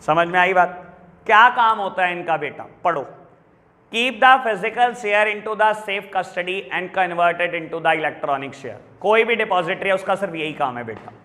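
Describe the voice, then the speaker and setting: Man, Indian accent, middle-aged teacher, high bright voice, repeats key terms slowly, long room reverb. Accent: Indian English. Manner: mixes Hindi and English, calls students "beta", repeats key terms slowly. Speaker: business studies teacher. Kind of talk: classroom lecture to students.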